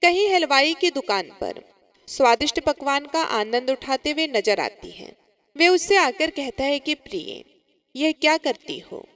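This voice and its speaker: A woman narrates a devotional folk tale at an even, steady pace. Her voice sits high and clear over the telling. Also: unhurried. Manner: steady, storytelling delivery. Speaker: storyteller.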